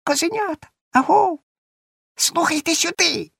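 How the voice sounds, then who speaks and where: A man's voice: extremely high pitch, expressive, unhurried, creaky, a bit bright, no room sound, studio quality, voice pushed up, full character voice. A man voicing a tiny, helpful male cricket who lives behind a stove, in a thin piping voice. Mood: calling urgently.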